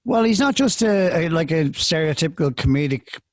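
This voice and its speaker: A man's voice: fairly high pitch, lively intonation, no room sound. Hesitant man on a dry mic. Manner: hesitant, halting, lots of restarts. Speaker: podcast co-host. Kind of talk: casual movie review chat.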